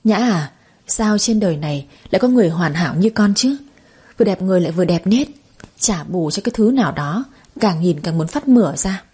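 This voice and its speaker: A spiteful middle-aged mother-in-law with a sharp, insulting tongue, as a woman storyteller puts her on. The voice is warm and low-toned, a little husky, even as she scolds. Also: a little fast. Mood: scornful scolding.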